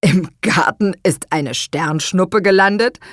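A woman's voice: fairly low pitch, lively intonation, moderate pace, darkish tone, dry recording. A jovial baker dad, as a woman puts him on in a children's audiobook, good-humoured and teasing. The reading is dry and close, with no room sound. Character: jovial adult male baker, the children's father. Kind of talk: audiobook character voice.

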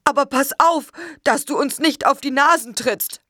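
A woman voicing a small, earnest male apple man with a husky voice. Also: medium pitch, animated, a little slow, fairly bright tone, dry recording, clean studio sound, voice pushed up. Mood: urgent.

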